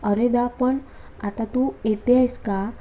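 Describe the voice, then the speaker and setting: A chatty young sister from a storybook, affectionate and a little cheeky, as a woman reads her. The tone is very dark and mellow. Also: a little high, fairly even intonation, takes it slowly, slight background noise. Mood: hesitant.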